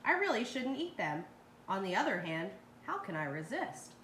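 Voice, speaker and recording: A woman's voice: medium pitch, sing-song, moderate pace, fairly bright tone. A woman voicing a sly, cheerful, polite male fox from a children's storybook. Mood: scheming. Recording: roomy, echoey with background noise.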